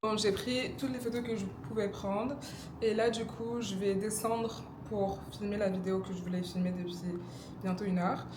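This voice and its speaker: A woman's voice: mid-range voice, steady tone, normal speed. Young Congolese woman, casual vlogger, chatty and self-correcting, light background hiss. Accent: Congolese French. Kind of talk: casual vlog narration.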